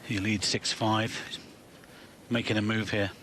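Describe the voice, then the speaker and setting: A man's voice: lowish voice, level tone, unhurried, fairly bright tone. A man giving snooker commentary as a co-commentator, analysing the shots. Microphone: commentary microphone. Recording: noisy arena with crowd sound. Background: crowd and arena noise.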